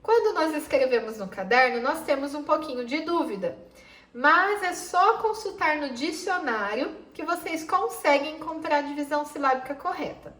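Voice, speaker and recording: Brazilian woman, schoolteacher, high pitch, gentle patient delivery, roomy echo. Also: expressive. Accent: Brazilian Portuguese. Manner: patient, explains slowly, spells out words; affectionate toward pupils. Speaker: teacher. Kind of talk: school lesson for children.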